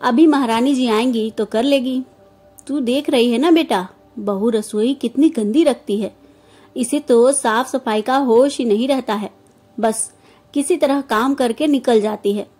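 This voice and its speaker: A woman's voice: a little high, measured pace, darkish tone, slightly rough. Woman voicing a fault-finding older mother-in-law. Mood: complaining. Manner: scolding, complaining.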